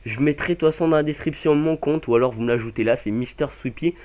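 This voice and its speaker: A man's voice: a little high, fast talker, a little mellow. A young man casually commenting over a game mod demo, rambling with many fillers and self-corrections. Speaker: gaming channel host.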